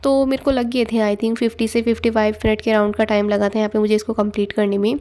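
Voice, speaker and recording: Chatty young woman, mellow voice. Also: medium pitch, level tone, quick pace. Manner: chatty, loose Hindi-English mix with fillers. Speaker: exam aspirant vlogger. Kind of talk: casual study vlog narration. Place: at home.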